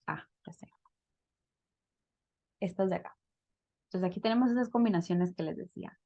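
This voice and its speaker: A woman's voice: on the low side, moderate pace, dark tone, no echo, lo-fi sound. A woman teaching a pronunciation class over a video call, explaining step by step and checking in with her students. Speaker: English teacher.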